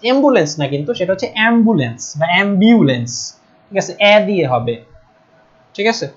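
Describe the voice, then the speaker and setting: Over dull audio, a young man with a Bangladeshi Bengali accent runs a live online class at a quick pace, his high voice making big pitch swings. Patient throughout, he repeats key terms, focuses on spelling and pronunciation, and keeps checking in with "ঠিক আছে?"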